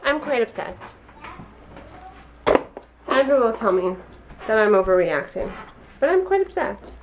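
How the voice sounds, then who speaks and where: A woman's voice: a little high, sing-song, unhurried, dull audio. A woman, a mother filming a family home vlog, talking openly and emotionally. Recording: noisy home camera audio.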